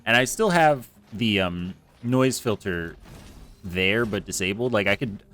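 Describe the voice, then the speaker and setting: Speaking in a lowish, fairly bright voice, this man is animated yet unhurried as he chats through a home game stream. His talk wanders, pokes fun at himself and is packed with fillers. The close desk mic has a foam screen, and there's an air conditioner in the room.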